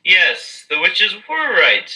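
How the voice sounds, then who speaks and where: A suspicious comrade in a comic amateur Shakespeare play, acted by a man. The voice is high and very sharp, slow in delivery, heard from off at a distance on stage. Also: wildly swooping pitch, exaggerated voice. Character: suspicious Banquo, Macbeth's comrade turned silly ghost.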